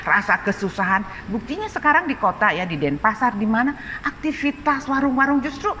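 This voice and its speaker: Sundanese-accented woman, lively and animated. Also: a little high, brisk, long reverb tail, slight background noise. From Bandung, Indonesia. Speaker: art dealer. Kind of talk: casual interview.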